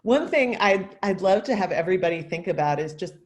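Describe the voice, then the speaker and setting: Deep-voiced woman casually leading discussion. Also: lively intonation, brisk. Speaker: discussion facilitator. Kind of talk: casual group discussion prompting.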